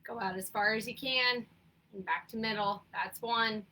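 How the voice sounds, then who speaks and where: Counting repetitions and offering short, upbeat cues, this young instructor runs a seated workout for a remote class from her home. Her voice sits on the high side with fairly even intonation, a moderate pace and a sharp edge. She's picked up from a distance rather than close to the mic.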